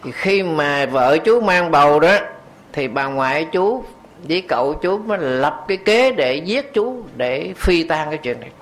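A man's voice: on the high side, a little hiss or hum. A man, a Buddhist monk giving a dharma talk, telling a story and speaking directly to his listeners. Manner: storytelling, quoting others, addressing the audience.

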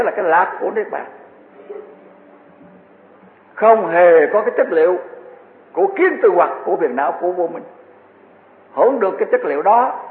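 High-voiced man preaching. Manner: earnest, repetitive, vivid everyday examples. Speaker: Buddhist dharma teacher. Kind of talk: Buddhist sermon. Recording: tinny phone-like echoey hall.

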